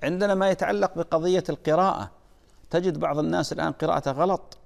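A man's voice: on the high side, fast, gravelly. A man giving a religious lesson as a preacher, emphatic and drilling correct pronunciation. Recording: long reverb of a large hall.

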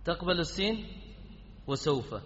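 A man's voice: on the high side, lively intonation, normal speed, fairly bright tone, slight background noise. A man teaching an Arabic grammar class, quizzing his students and prompting them with repeated questions. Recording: dull lo-fi sound in a reverberant hall.

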